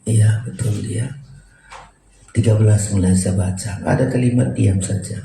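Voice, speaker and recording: A man preaching a sermon as pastor, with sudden loud high bursts. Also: steady tone, moderate pace, recorded from a distance, a little hiss or hum. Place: church. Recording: echoey church hall from afar.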